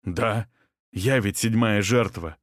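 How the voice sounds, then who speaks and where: A man reading an audiobook, voicing a wounded man who speaks with quiet, sorrowful calm. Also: on the low side, takes it slowly, dry recording, studio quality. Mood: sad resolve.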